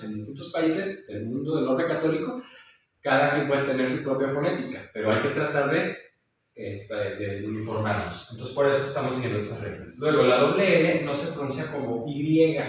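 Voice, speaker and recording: A man's voice: medium pitch, moderate pace, a little hiss or hum. A man teaching a course on Latin pronunciation, explaining patiently, repeating sounds and checking in with his listeners. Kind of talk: recorded course lecture. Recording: echoey room, voice far from the mic.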